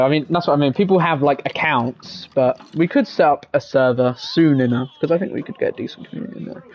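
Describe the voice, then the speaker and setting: Chatty man streaming. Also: a little high. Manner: chatty, rambling, reads chat aloud, frequent laughs. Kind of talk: casual live-stream chat. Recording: slightly dull lo-fi mic with faint game music.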